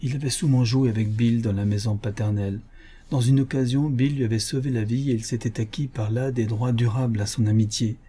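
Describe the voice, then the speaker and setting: A man reading an adventure novel aloud as an audiobook, in measured, even narration. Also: mid-range voice, husky. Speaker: audiobook reader. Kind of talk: scripted narration.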